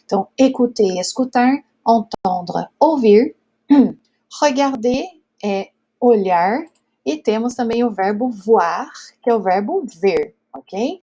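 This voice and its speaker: A Brazilian woman with a Brazilian Portuguese accent teaches French grammar at a whiteboard, going step by step, patiently and checking in often with her students. Her voice is fairly high and warm, with lively intonation and a slightly rough quality, and she takes her time.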